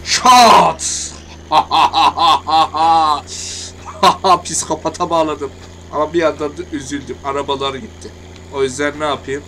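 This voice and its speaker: A man with a Turkish accent giving casual game commentary, talking to himself and swinging from quiet muttering to angry shouting. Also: fairly high pitch, level tone, fast talker, a little hiss or hum. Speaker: gaming YouTuber.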